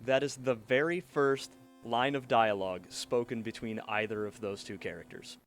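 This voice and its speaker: A man's voice: medium pitch, fairly even intonation, normal speed, a little hiss or hum. Joking man telling a tale while gaming. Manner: joking, distracted, self-interrupting. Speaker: streamer and storyteller. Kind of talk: casual storytelling while gaming.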